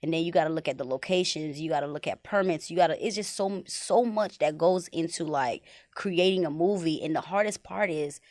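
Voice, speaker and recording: Low-voiced woman telling her story. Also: a little fast, hardly any pauses, darkish tone, dry recording. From Haiti. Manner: reflective storytelling, many "like" and "you know" fillers. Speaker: film director, guest. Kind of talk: casual podcast interview.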